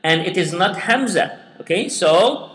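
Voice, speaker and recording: With a high, somewhat bright and expressive voice, a man teaches Quran recitation a little slowly, one step at a time. He patiently repeats sounds and invites learners to say them after him, and the room echoes with long reverb.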